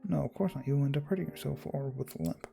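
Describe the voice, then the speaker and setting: A man's voice: medium pitch, fast, creaky, over music. A man voicing a self-important male doctor who talks in a curt, lecturing way. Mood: brisk.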